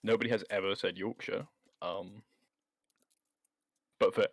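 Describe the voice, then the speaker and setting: Low, dry British man with a soft accent. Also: fairly even intonation, unhurried, dry recording. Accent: soft southern-sounding British. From Wales. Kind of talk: casual chat while gaming online.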